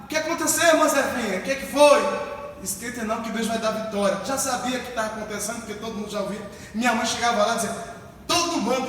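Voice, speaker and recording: A man, a pastor preaching a Pentecostal sermon, telling stories and breaking into shouted exhortation in a church hall. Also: extremely high pitch, a little hiss or hum. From Northeast Brazil. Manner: storytelling, bursts into shouted exhortation. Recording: echoey church hall, far from mic.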